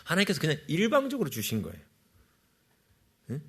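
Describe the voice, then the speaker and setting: A man's voice: on the high side, huge pitch swings, brisk, a bit bright, husky. A male pastor giving a sermon, asking the congregation questions and answering them himself.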